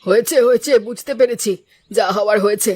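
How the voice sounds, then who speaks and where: A woman's voice: fairly high pitch, fast, a little mellow, faint music behind, lightly acted. Woman voicing a stern old mother-in-law. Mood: weary. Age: older. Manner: scolding, suspicious, then tiredly resigned. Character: elderly village mother-in-law, stern but weary. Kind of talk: cartoon dubbing.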